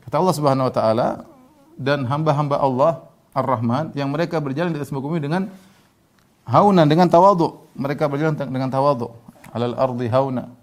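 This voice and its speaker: A man preaching a sermon, slowly chanting Arabic verses and then explaining them in a loose, everyday way with fillers. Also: on the high side. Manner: loose speech with fillers and colloquial asides. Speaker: Islamic preacher. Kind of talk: sermon with Quranic recitation.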